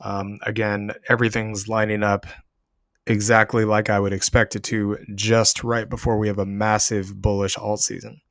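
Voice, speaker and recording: Male channel host, lower register, casual explanatory market commentary straight to the audience, dry sound. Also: level tone, moderate pace, a bit bright, no room sound. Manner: explanatory, addressing viewers directly. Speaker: crypto trading channel host. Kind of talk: casual market commentary over price charts.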